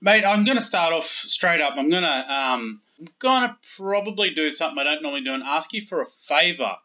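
A man's voice: on the high side, animated, brisk, sharp tone. A man hosting an interview, chatty and a bit sheepish, laughing often. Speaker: interviewer host. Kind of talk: phone interview. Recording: dull lo-fi recording.

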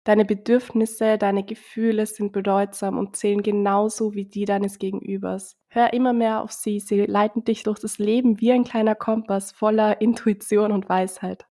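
A woman reads a scripted motivational narration and guided meditation, speaking to the listener in a gentle, encouraging manner. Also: mid-range voice, flat delivery, normal speed, few pauses. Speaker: self-love and meditation guide. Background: background music.

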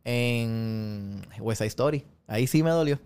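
A man co-hosting a podcast speaks in a smooth, resonant voice at a middle pitch. He often hesitates and trails off mid-thought. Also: takes it slowly, a little mellow. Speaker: podcast co-host. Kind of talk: casual film chat.

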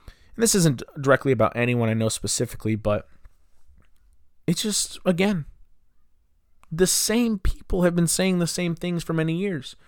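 A man's voice: a little high, lively intonation, normal speed, pauses often, dry recording. Impassioned young man ranting, dry close mic. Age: 20s. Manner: impassioned, frustrated, rhetorical questions. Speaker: podcast host. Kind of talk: solo podcast monologue.

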